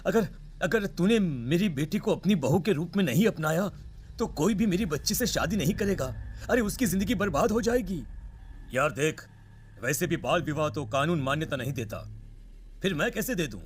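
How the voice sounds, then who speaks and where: A man plays an earnest village man in a horror cartoon, pleading in a fairly high voice. Faint music sits behind him. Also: animated, normal speed, slight background noise, natural voice. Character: worried village father, pleading. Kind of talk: cartoon voice acting.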